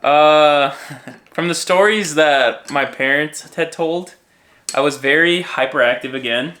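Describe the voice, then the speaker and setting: Speaking slowly in a bright, forceful voice that sits on the high side, a young man from Minnesota shares his own stories on a podcast where he's guest and co-host. It's casual, rambling, self-deprecating conversational storytelling from an American.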